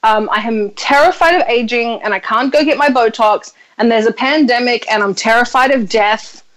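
A woman in her thirties with a fairly high voice, hosting a loose, casual chat. She talks bluntly and freely, swears without hesitation and leans on lots of ums as she goes. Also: moderate pace, fairly bright tone, rough recording. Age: 30s. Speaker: podcast host.

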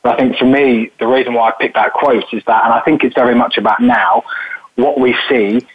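A man's voice: medium pitch, fairly quick, husky. Hesitant man on a dull line. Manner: hesitant, many ums. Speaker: panel guest. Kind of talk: casual interview answers.

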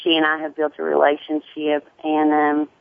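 A woman with a deep Southern US accent, talking casually as a guest in an interview. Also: monotone, normal speed, gravelly, no echo. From Tennessee. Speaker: guest, sickle cell awareness advocate. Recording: muffled narrow phone-like line.

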